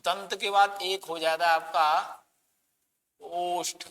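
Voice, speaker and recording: A man's voice: sits high, flat delivery, takes it slowly, a bit bright, big-room sound. A man teaching a grammar lesson, asking the class questions and answering them himself, and coaxing students to say sounds aloud.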